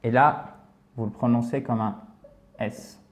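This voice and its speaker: A man's voice: medium pitch, fairly even intonation, unhurried. Patient man teaching English in French. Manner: explanatory, patient, checks in with "d'accord". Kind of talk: French-language English lesson.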